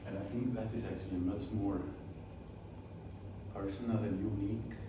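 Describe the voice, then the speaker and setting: A man with a lowish, steady voice talks at normal speed through dull-sounding audio. In his forties and from Iceland, he's a painter demonstrating his materials in his studio, chatty, rambling, and quick to correct himself. The distant mic picks up strong studio echo and clear background noise.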